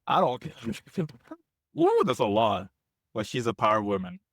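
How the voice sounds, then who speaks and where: A man's voice: on the low side, normal speed, no room sound. A young man of Korean heritage who grew up outside Korea, co-hosting a podcast in casual, playful chat and often correcting himself mid-sentence. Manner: playful, jokey, animated, often self-correcting. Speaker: podcast co-host.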